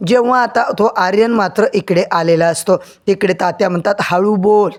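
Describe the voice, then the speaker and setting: A man's voice: high-pitched, moderate pace. A man narrating a drama serial recap, addressing viewers and building suspense.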